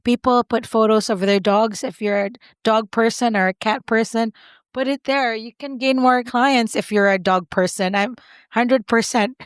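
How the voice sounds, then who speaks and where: In a fairly high, clean-toned voice at a normal speed, a woman hosts a conversational podcast interview. Her English carries a non-native accent, her sentences run on at length, and she keeps seeking agreement. The recording is dry.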